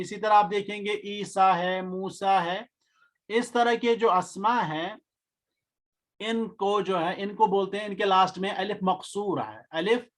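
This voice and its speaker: A man teaching a grammar lesson in a patient way, saying key terms slowly and more than once. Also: sits high, a bit bright. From India. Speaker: Arabic teacher.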